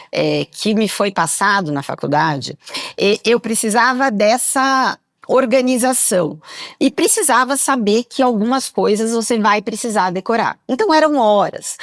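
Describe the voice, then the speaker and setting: A middle-aged woman telling stories as a podcast guest, speaking very loudly and lively into a studio mic. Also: mid-range voice, no room sound. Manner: talks very loudly. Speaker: guest, public prosecutor. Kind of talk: podcast interview storytelling.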